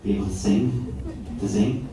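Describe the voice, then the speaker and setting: A man's voice: fairly low pitch, fairly even intonation, measured pace. A man with an Irish accent performing stand-up comedy at a live show and laughing at his own jokes. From Ireland. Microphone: far camera. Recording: distant echoey noisy camera audio.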